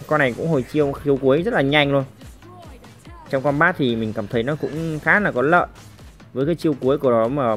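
A woman with a bass voice gives lively gameplay commentary while streaming a mobile game, chatting with viewers and making shooting sound effects.

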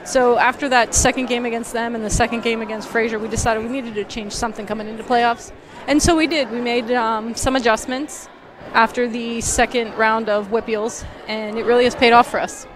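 A high school volleyball coach, a woman in her thirties, gives a postgame interview on a headset mic courtside in an empty gym. Her intonation is fairly even and her pace brisk; she answers earnestly with many filler ums over slight background noise.

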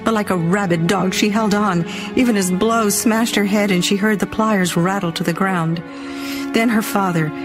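A woman narrating an audiobook in a dramatic, expressive reading style. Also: mid-range voice.

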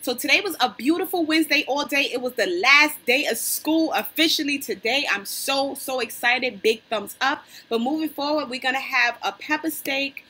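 A woman's voice: high-pitched, expressive, moderate pace, few pauses, pushed and bright. A woman vlogging at home in an upbeat, chatty way, talking to her viewers while she eats. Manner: upbeat, chatty, keeps calling viewers "guys". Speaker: mukbang vlogger. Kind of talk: casual chat to camera while eating. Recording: noisy home recording with air conditioner hum. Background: air conditioner running.

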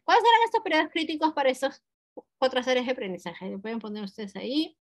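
A woman teaching over a video call in a loose, conversational way. She fills her talk with tag questions and hesitations and clears her throat now and then. Her voice sits a little high. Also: animated, quick pace. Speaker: English teacher leading a webinar. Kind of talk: live online teacher talk.

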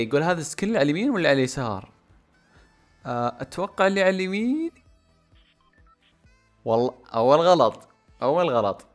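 This medium-pitched man hosts a gaming channel, offering casual commentary that swings between mumbled guesses and loud outbursts.

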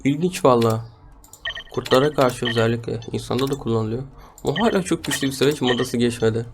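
This gaming YouTuber has a mid-range voice and a fairly quick delivery. He gives relaxed commentary on his play, chatting with viewers and alternately grumbling and laughing at his poor luck, with music playing behind him.

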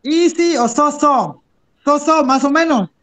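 Very high-voiced male teacher. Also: slow pace, fairly bright tone. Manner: encouraging, switches between English and Spanish. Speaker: English teacher. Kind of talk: online class instruction.

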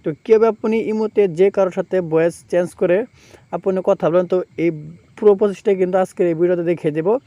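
A man's voice: sits high, steady tone, fast, mellow, dry recording. A man hosting a phone app tutorial, explaining each step over a screen recording and repeating himself as he goes. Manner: repetitive step-by-step explaining, filler "কিন্তু". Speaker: tech tutorial host.

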